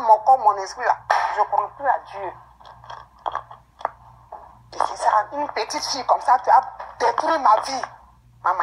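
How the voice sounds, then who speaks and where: A woman's voice: sits high, poor audio. An actress playing a grief-stricken mother who wails, sobs and pleads with God in melodramatic screen acting. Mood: bitter grief. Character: grief-stricken mother mourning her daughter.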